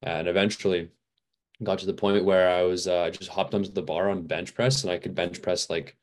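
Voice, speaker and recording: Deep-voiced young man rambling casually. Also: steady tone, brisk. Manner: rambling, many fillers and restarts. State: a little fatigued. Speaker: podcast guest. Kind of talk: casual interview chat.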